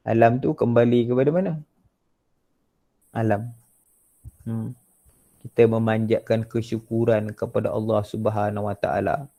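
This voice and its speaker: A man with a Malaysian Malay accent teaching an online Quran class, drilling the pronunciation of Arabic letters by slowly repeating syllables. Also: fairly low pitch, mellow. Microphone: video call.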